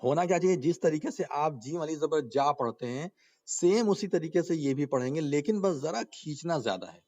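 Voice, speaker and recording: A man's voice: on the high side, expressive, dark tone, dull audio. A man teaching Quran reading and tajweed, explaining patiently, repeating points and asking the class questions. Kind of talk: spoken lesson with slow chanted recitation examples.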